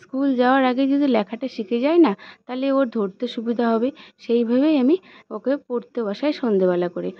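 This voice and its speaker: A woman's voice: a little high, brisk. A young woman vlogging from her home kitchen, chatting casually to viewers as she narrates her cooking and chores step by step. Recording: dull lo-fi home recording.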